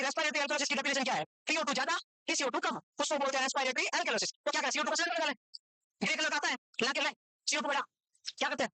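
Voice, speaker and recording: A woman gives a medical lecture at a breakneck clip, tossing out question after question and repeating each answer. Her voice sits high and sounds sharp and bright. The recording is dry and close. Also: no echo, rough recording. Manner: mixes English medical terms into Hindi. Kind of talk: Hindi medical lecture, quizzing students.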